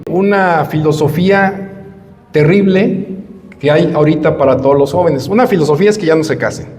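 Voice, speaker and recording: A man's voice: fairly high pitch, moderate pace, a little mellow, long reverb tail. A man preaching a sermon as pastor, stressing points by repeating words and acting out parents and children. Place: church hall.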